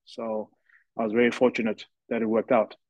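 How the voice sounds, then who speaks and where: A man's voice: lowish voice, level tone, a little fast, darkish tone, no room sound. A man, telling his story earnestly and reflectively as a podcast guest. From South Africa. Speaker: guest, professional rugby player. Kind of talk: podcast interview. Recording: dry, slightly dull lo-fi audio.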